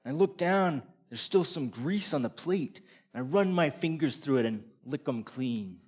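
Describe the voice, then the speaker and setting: A man's voice: a little high, lively intonation, normal speed, slightly rough. A man performing a live stage story in vivid present tense, building to comic punchlines before an audience.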